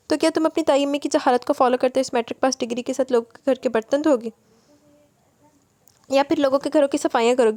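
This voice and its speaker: A woman reading a romance novel puts on a bossy young husband who scolds and lectures his wife, yet softens into tenderness. The delivery stays mellow and fairly high, recorded close and dry. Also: dry recording, natural voice. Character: bossy, teasing young husband, stern but loving.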